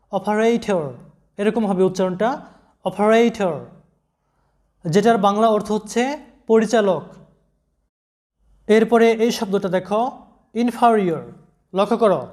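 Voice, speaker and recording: A man's voice: sits high, darkish tone. A man teaching English pronunciation in an online lesson, patiently spelling out words letter by letter.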